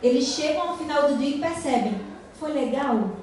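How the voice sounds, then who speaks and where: A woman with a Brazilian Portuguese accent giving a lively talk to parents, speaking right to her audience and acting out the dialogue she quotes. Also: high-pitched, normal speed, a little hiss or hum. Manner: addresses the audience directly, acts out quoted dialogue. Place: school hall. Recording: echoey hall, voice from far off.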